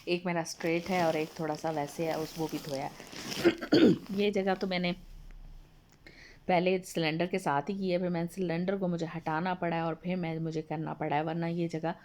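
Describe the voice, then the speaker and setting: Woman, home vlogger voice-over, slightly hoarse, low, flat and mellow, homely and polite. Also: normal speed, slight background noise. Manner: chatty and homely, addresses viewers politely. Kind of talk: casual voice-over narration of a home video. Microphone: voice-over recorded apart from the video.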